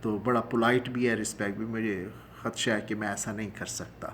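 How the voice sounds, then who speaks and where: A man from Pakistan teaching English phrases in a casual spoken lesson, explaining in Urdu and slowly stretching out each English phrase, with frequent chuckles and fillers. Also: on the low side, steady tone, a bit bright, slight background noise. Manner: chuckles often, conversational with many fillers.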